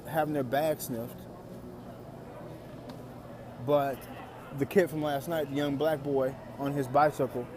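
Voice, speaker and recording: Man, high-voiced, records a heated argument on his phone outdoors, insistent and stumbling. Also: background noise. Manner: insistent, stammers when interrupted. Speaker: commuter filming a confrontation. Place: outdoors at a ferry terminal. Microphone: phone he is filming with.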